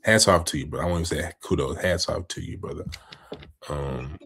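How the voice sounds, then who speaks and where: A man's voice: rumbling low, brisk, gravelly, a bit bright, husky. A man co-hosting a podcast, talking sports in a laid-back, slangy way and often asking "you know what I mean". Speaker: podcast co-host. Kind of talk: casual sports chat.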